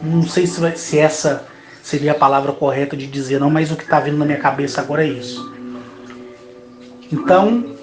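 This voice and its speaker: A man's voice: fairly high pitch, fairly quick, long pauses, a little mellow, echoey room, soft background music, rough recording. A man talking earnestly to his viewers in a rambling monologue, often checking in with little tag questions. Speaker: channel host speaking on spiritual and alien contact.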